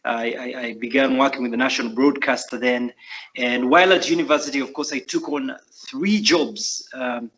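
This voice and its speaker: A middle-aged man with a Ugandan accent answers questions in an earnest, reflective way, often pausing with "uh" and "um." His voice sits at a middling pitch. The recording sounds muffled and lo-fi. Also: a bit bright. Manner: earnest, reflective, frequent fillers. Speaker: guest author. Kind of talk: interview answers. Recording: muffled lo-fi audio.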